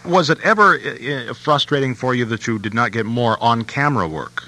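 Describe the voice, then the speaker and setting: A man's voice: medium pitch, expressive, moderate pace, bright, forceful tone, rough recording. A man interviewing a guest, asking questions in a curious, conversational way.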